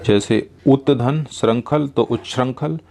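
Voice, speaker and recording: A male teacher walks through grammar rules one example at a time. He says each rule twice, patiently, and often pauses to check that it has sunk in. His voice sits at an ordinary middle pitch. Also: vocal fry, darkish tone. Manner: explains slowly, repeats each rule. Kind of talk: grammar lesson.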